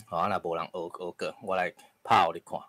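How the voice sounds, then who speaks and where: A man with a Taiwanese accent gives a patient lecture, checking in with his listeners after nearly every phrase. His voice sits very low, and the sound is close and dry, with no room echo. Now and then he coughs or clears his throat. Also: level tone, fairly quick, a bit bright. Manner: explains step by step with frequent tag particles. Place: lecture hall with live audience.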